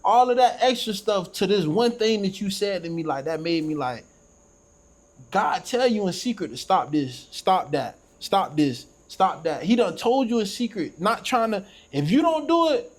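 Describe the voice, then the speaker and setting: A man's voice: high-pitched, sing-song, moderate pace. A man, talking about faith in a casual podcast chat, emphatic and preachy, repeating phrases for weight. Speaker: podcast host.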